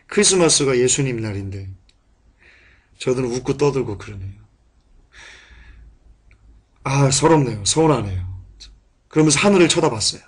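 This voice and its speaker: A man preaching a sermon and telling a personal testimony, moving between hushed, quiet recollection and loud, passionate outbursts. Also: mid-range voice, husky. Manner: impassioned, swings from hushed to shouting.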